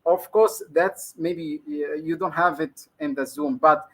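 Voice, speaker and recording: A native Arabic speaker from Egypt, with an Egyptian accent, talks as a guest trainer in a laid-back live interview. His voice is a touch high and fairly bright, his tone steady and his pace measured; he's chatty, laughs easily, and repeats "you see" often.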